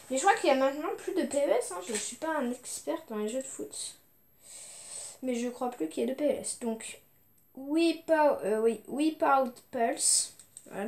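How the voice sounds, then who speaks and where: Showing off her video game collection, a young woman chats in a relaxed unboxing style, though she hesitates a lot, leans on fillers, and keeps starting over. Her pitch is fairly high and her tone leans dark.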